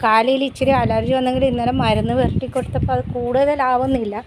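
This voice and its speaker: Woman, high-pitched, coaxing baby talk, home vlog, faint room noise. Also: level tone, quick pace. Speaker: pet vlogger. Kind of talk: casual chat to the dog and viewers. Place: home, indoors and up on the terrace.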